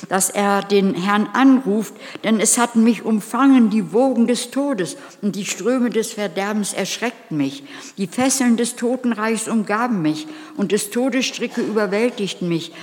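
A woman's voice: medium pitch, in a large hall. A woman giving an earnest, emphatic sermon and putting direct questions to her listeners. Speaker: preacher.

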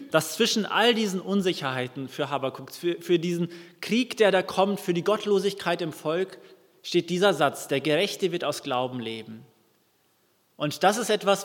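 A man's voice: sits high, expressive, moderate pace, big-room sound. A man preaching a sermon, reading a Bible passage and explaining it earnestly to his congregation, with some restarts.

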